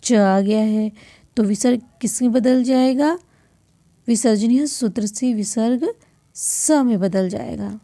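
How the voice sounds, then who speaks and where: Gravelly-voiced woman teaching grammar slowly. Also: fairly high pitch, warm tone. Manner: explains step by step, asks questions and answers them herself; clears throat often, corrects herself mid-sentence. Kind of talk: classroom grammar lesson.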